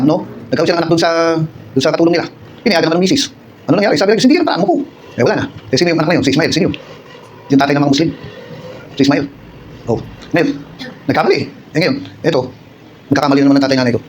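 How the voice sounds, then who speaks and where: A man's voice: a little high, slight background noise. A middle-aged Filipino man preaching a conversational midweek sermon, asking his congregation rhetorical questions and telling personal stories. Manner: personal storytelling with acted quotes. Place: church service.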